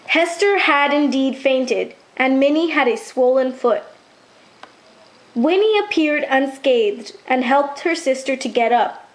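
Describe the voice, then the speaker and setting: A woman narrating a children's story in an even, clear reading voice. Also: high voice, takes it slowly, low-quality recording.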